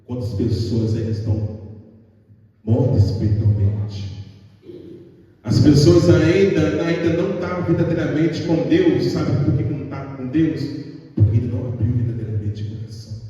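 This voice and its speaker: A man's voice: fairly high pitch, animated, moderate pace, warm tone, dull audio. A man with a Brazilian Portuguese accent preaching a fervent evangelical sermon, repeatedly calling out to the congregation. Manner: fervent, repetitive, calls out to the congregation. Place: church hall. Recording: echoey hall, mic far off.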